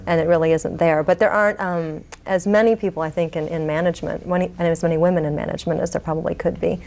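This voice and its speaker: A woman's voice: fairly low pitch, steady tone, quick pace, darkish tone. A woman who works in TV news, a guest on a studio talk show, weighing her answers and hedging as she thinks aloud. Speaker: TV journalist guest. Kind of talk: casual TV panel discussion.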